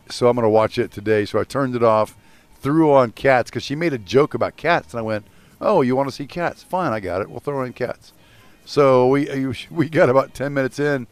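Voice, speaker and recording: A man's voice: mid-range voice, no echo. Man, podcast co-host, casual rambling chat, swears a lot, dead dry close mic. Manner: rambling, swears freely, laughs at his own stories.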